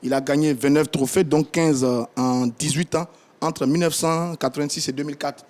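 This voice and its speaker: Higher-voiced man commenting on the news. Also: fairly even intonation, moderate pace, darkish tone. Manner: conversational, with euhs. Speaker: studio pundit.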